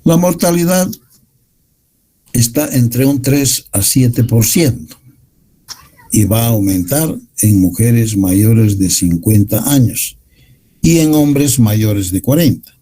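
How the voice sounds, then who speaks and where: A man giving a university medical lecture, explaining slides in a measured way. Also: mid-range voice, mellow, husky, rough recording.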